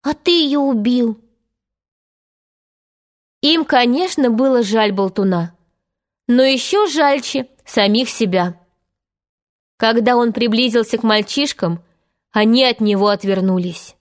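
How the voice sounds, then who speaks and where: A woman narrating a children's storybook aloud in an expressive, steady manner. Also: on the high side, unhurried. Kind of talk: storybook reading.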